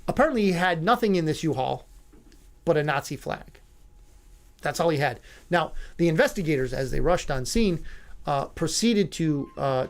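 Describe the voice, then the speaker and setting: A man with a notably high voice hosts a talk-radio show. He comments with sarcasm and mocking asides. He rambles with fillers and restarts.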